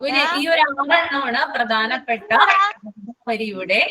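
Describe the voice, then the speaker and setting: A woman teacher, running a live online class and repeating lists slowly so students can write them down. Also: fairly high pitch, animated, over a noisy crowd, rough recording.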